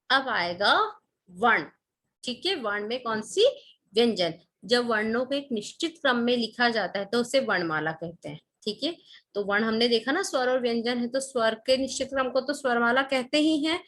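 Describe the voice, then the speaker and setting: A woman's voice: a little high, a bit bright. A woman teaching a grammar lesson to children, patient, asking the class questions and repeating key points.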